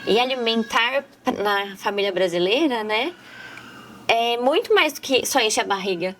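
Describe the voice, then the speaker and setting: A woman from Minas Gerais with a Mineiro accent, hosting a casual conversation, chatty and quick to agree. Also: a little high, animated, fairly bright tone, slight background noise. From Minas Gerais, Brazil. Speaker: podcast host.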